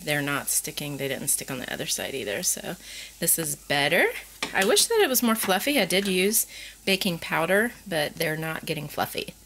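A woman in her thirties chatting casually while filming herself in her kitchen, thinking out loud as she goes. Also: deep voice, sing-song, normal speed, a little hiss or hum. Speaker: family vlogger. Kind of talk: casual vlog chat. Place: home kitchen. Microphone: handheld camera at arm's length.

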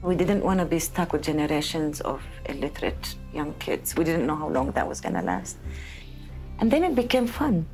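A woman's voice: deep voice, lively intonation, moderate pace, darkish tone, soft background music. A woman, recalling her own experiences in a documentary interview. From Palestinian territories. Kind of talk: documentary interview, personal recollection.

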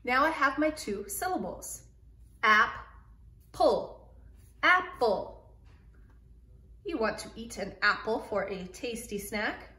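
A woman teaches phonics to young children, taking her time and drawing out each sound. Her voice sits a little high and is gently encouraging. The room gives it a noticeable echo. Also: sing-song, unhurried. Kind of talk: early reading phonics lesson.

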